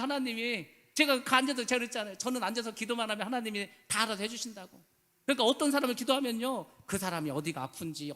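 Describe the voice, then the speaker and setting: Fast, bright-voiced man preaching in a reverberant hall. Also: sits high. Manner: emphatic, rhetorical questions, casual speech endings. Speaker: pastor. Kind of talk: sermon. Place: church sanctuary.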